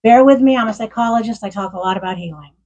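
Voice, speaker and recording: Reading from her memoir at a bookstore, this author in her sixties tells warm stories punctuated by frequent laughter. She speaks quickly in a slightly high voice, recorded with lo-fi sound.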